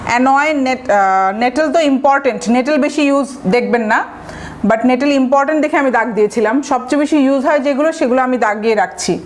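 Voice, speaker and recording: High-voiced woman teaching vocabulary. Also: quick pace. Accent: Bangladeshi. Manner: explains patiently, repeats words to drill pronunciation. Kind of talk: recorded online lecture.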